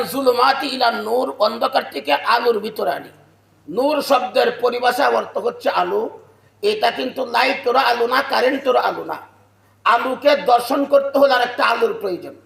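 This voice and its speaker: High, gravelly shouting preacher. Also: male voice, normal speed. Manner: shouting, sing-song Quran chanting. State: unwell. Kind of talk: sermon. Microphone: loudspeaker microphone. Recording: echoey loudspeaker sound.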